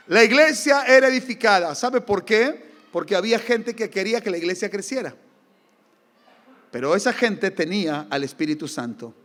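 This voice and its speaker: A man with an Argentine accent preaches with lively emphasis, his voice pitched notably high. He moves between firm exhortation and humorous anecdote. The recording carries the long reverb of a church hall. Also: moderate pace. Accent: Argentine Spanish. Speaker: pastor. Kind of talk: sermon.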